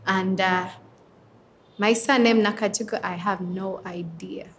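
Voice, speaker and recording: A woman's voice: mid-range voice, steady tone. Young Ugandan woman, twenties, earnest interviewee, reflective pacing, slight noise bed. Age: 20s. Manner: earnest, reflective, with pauses and fillers. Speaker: interviewee, advocate for women and girls. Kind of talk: answering interview questions.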